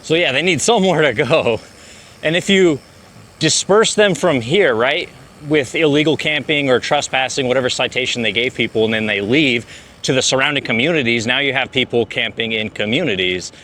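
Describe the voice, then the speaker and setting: Bright and forceful in tone, his mid-range voice moves fairly quickly. A laid-back, chatty vlogger, he talks casually to the camera as he bikes through city streets, with plenty of "dude."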